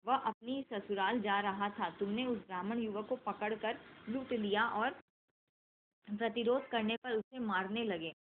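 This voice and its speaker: A woman reading the part of a wise old male sage, calm and stern, in a steady, measured devotional scripture reading over a tinny phone-like line. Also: mid-range voice, a little hiss or hum, close to an everyday voice. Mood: solemn.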